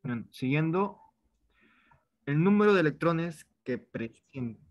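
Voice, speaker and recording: A Peruvian man leads an online chemistry review class, speaking informally and repeating words as he writes problems on a board. His voice is on the high side with lively intonation, slow-paced, and the sound is lo-fi.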